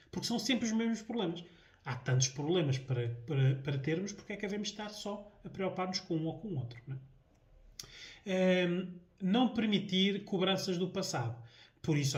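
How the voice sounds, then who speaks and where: Man, European Portuguese accent, fairly high voice, hesitant with repeated words, roomy echo. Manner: hesitant, repeats words, frequent rhetorical "não é?". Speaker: host. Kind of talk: solo talk on relationships. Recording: echoey room.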